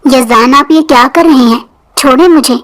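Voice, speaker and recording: A woman voicing a patient young bride who speaks softly and gently. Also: high-pitched. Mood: gentle. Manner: soft and gentle.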